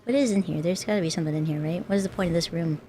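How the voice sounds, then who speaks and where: A woman's voice: fairly low pitch, very fast, warm tone, a little hiss or hum. A woman livestreamer chatting casually while she plays a game, with a playful, cute anime-streamer manner. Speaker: livestreamer, VTuber host. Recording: music playing behind the voice.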